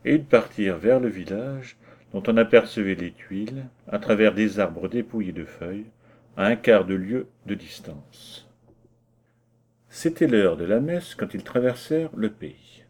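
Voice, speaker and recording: Slow, dark-voiced male storyteller. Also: fairly low pitch, slightly rough. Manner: measured, expressive storytelling. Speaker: audiobook narrator. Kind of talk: scripted narration of a classic short story.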